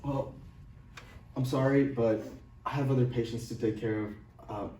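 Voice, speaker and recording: A man's voice: mid-range voice, steady tone, a little slow, dark tone, lightly acted. A man playing a dismissive doctor who delivers bad news bluntly and casually in a role-played consultation. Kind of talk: amateur role-play of a medical consultation. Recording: echoey room, distant mic, faint noise.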